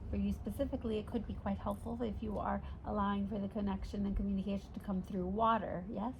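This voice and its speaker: A woman in trance plays a channeled spirit guide, in the manner of a seance medium. The phrasing is formal and oddly ordered, patient and instructive, with a questioning "yes?" closing many thoughts. Birds and clear ambient noise sit behind the voice. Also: medium pitch, flat delivery, fast, lightly acted. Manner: formal unusual syntax, ends statements with questioning "yes?". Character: Simon, a channeled non-physical spirit guide, patient teacher. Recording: noisy ambient recording with birdsong. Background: birds calling, ambient noise.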